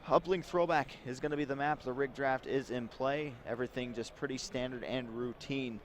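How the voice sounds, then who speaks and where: A man's voice: mid-range voice, steady tone, normal speed, crowd noise. A man giving color commentary on a competitive video game match, laid-back and analytical, using casual slang. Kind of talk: live esports commentary.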